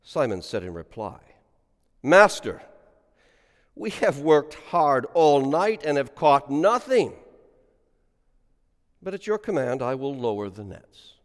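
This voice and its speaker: A middle-aged man, a priest, reading the gospel and preaching a homily with a lively delivery that rises on quoted lines, heard in a large church with a long cathedral echo. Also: mid-range voice, slow, long pauses. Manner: lively sing-song delivery, rising on quotes.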